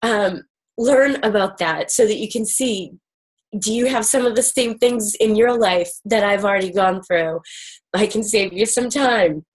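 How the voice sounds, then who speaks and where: A woman's voice: medium pitch, unhurried, slightly rough. A woman host speaking casually and candidly about herself, in a confessional style with emphatic repetition. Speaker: show host sharing her own journey.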